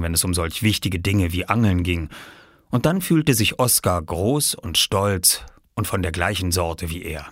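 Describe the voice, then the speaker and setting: Deep-voiced male narrator, very lively, reads a children's audiobook in a dry studio. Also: no echo. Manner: expressive, storytelling.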